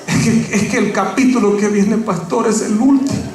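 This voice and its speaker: High-pitched shouting preacher in an echoey church. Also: male voice, fairly even intonation, moderate pace, crowd noise. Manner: preaching, often shouting with rising intensity; tells stories with acted quotes and audience questions. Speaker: pastor. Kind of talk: sermon. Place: church sanctuary. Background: congregation responding.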